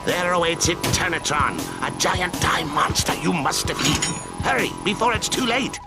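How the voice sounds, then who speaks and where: A man's voice: fairly high pitch, moderate pace, natural voice. A man voicing an urgent, dramatic cartoon quest-giver. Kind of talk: animated cartoon acting. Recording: loud music under the voice.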